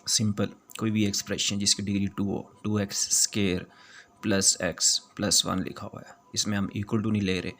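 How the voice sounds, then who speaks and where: Low gravelly-voiced man teaching math. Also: little pitch movement, moderate pace, a bit bright, slight background noise. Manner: patient, repeats each point several times. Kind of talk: explaining a math lesson step by step.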